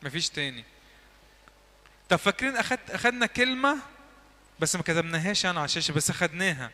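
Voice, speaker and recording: A man with an Egyptian Arabic accent teaching a church class, quizzing the listeners and repeating words slowly so they echo them back. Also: sits high, lively intonation, sharp tone. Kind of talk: lively classroom teaching with drills. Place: church hall.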